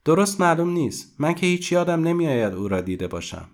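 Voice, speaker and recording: A man reading a storybook aloud and voicing a scheming, sharp-tongued young woman swindler who speaks high, loud and defiant. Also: big pitch swings. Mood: uneasy.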